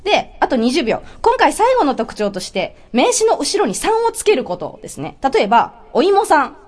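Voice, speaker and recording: A woman's voice: high-pitched, normal speed. A woman with a Kansai accent presenting in a casual, laughing way, explaining her dialect. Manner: lively, laughing, mixes Kansai phrases.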